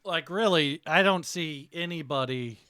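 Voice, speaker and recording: A man's voice: on the high side, a little slow, pushed and bright, no room sound. A man talking casually as a streaming game master, in a rambling, joking manner.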